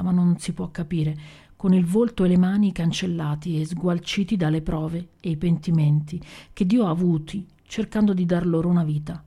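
A woman reading literary fiction aloud with a measured, dramatic delivery. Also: on the low side, dark tone, breathy edge. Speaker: literary reader.

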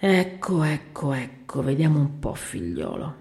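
A jolly old priest, as a woman reading a story puts him on, fatherly and chuckling. The voice sits low and gravelly, with repeated soothing words. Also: sing-song, measured pace, dark tone, heavily acted. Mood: amused.

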